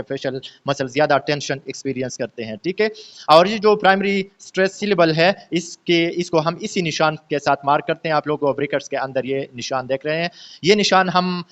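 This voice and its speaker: A man teaching English pronunciation in an online lesson, explaining slowly with many hesitations and frequent check-ins. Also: a little high. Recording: dull lo-fi voice recording.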